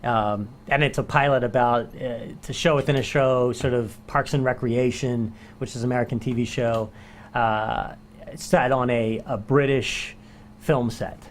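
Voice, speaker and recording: A man's voice: medium pitch, steady tone. Guy actor telling stories on a chat show, lots of ums and restarts, bit of background hiss. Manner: anecdotal, halting with fillers. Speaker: actor guest. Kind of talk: casual interview chat. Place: studio.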